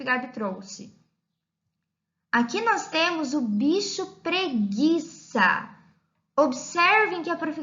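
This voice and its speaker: A woman with a Brazilian Portuguese accent leads a recorded lesson for young children. Her voice is bright and sits high, and she drags out each phrase in a slow, sing-song teacher style. The audio sounds a little dull and lo-fi. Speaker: primary school teacher.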